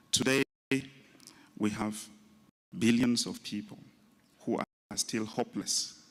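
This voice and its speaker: A man giving a formal closing speech at a conference. He speaks in a measured, rallying way and repeats his key phrases. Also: on the low side. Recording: long reverb in a large hall.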